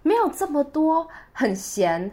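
A woman's voice: high voice, big pitch swings, a little slow, mellow. A woman with a Taiwanese Mandarin accent talks casually as the co-host of a podcast. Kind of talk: casual chat.

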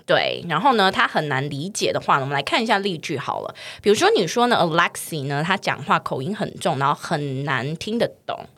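Taiwanese-accented woman host teaching English casually, animated and playful. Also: low-pitched, a little fast, hardly any pauses. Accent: Taiwanese Mandarin. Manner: playful, teasing, laughs often. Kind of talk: casual podcast English lesson.

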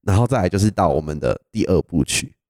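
A young Taiwanese man co-hosting a podcast, rattling off stories at a fast clip. His voice sits fairly low with a mellow, relaxed tone. He laughs easily, and the sound is dry with no room echo. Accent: Taiwanese Mandarin. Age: young adult. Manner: animated storyteller, laughs often. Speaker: podcast co-host. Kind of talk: casual storytelling chat.

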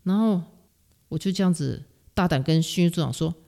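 Her voice is on the low side and gravelly, and she speaks a little fast: a middle-aged Taiwanese music teacher with a Taiwanese Mandarin accent, guesting in a casual interview. She tells her stories with animation and self-mockery, laughing often.

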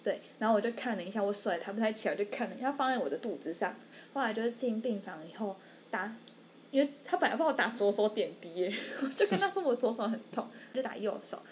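A woman's voice: medium pitch, expressive, fast talker, a little hiss or hum. A young woman, telling a story on a podcast and acting out the people she quotes. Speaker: podcast co-host. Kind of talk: casual storytelling chat.

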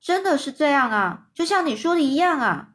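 A woman's voice: high-pitched, very animated, brisk, fairly bright tone, pitched above the performer's own voice. A woman doing an earnest peasant woodcutter. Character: kindly peasant woodcutter man.

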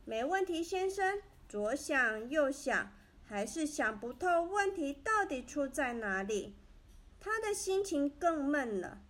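A woman narrating a children's story in a gentle, expressive way. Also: high-pitched, takes it slowly.

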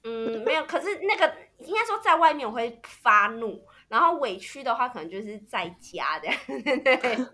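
A woman co-hosting a casual chat, telling animated stories with lots of laughter and acting out her own outbursts. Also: on the high side, moderate pace, hardly any pauses. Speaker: podcast co-host.

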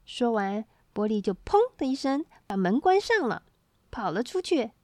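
A woman reads a children's storybook aloud in a high, sing-song voice. Her pitch bounces all over as she tells the tale. The recording is close and dry, with no room sound. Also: moderate pace, dry recording. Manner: lively, expressive read-aloud.

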